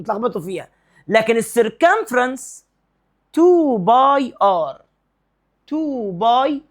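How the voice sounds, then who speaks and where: Teaching physics with energy, this Egyptian Arabic-accented man, whose voice sits high, fires questions at his students and pokes fun at them. English technical terms slip into his speech throughout.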